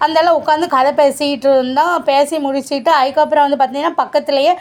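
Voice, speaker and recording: Woman vlogger, high voice, rattles along at a very fast clip, chatty and talks straight to viewers. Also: fairly even intonation, a little mellow. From Tirunelveli region, Tamil Nadu. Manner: chatty, addresses viewers directly. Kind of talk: casual family vlog narration.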